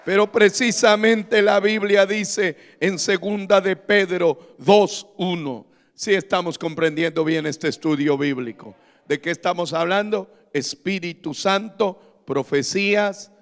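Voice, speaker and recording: In a large church hall full of echo, a high-pitched male pastor delivers a passionate Bible-study sermon. He speaks emphatically and exhorts the gathered congregation, returning to question them again and again.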